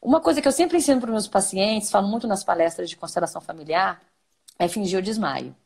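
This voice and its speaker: A woman's voice: mid-range voice, lively intonation, quick pace, creaky, darkish tone. A Brazilian woman therapist explaining ideas in a conversational interview, asking and answering her own questions.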